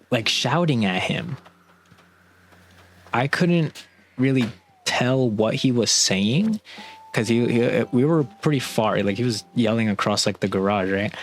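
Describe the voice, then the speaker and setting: A man's voice: medium pitch, a little hiss or hum. A young man casually recounting a work story, rambling with lots of "like" and restarts, sounding bewildered. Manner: rambling, heavy use of "like", restarts; exasperated, bewildered retelling.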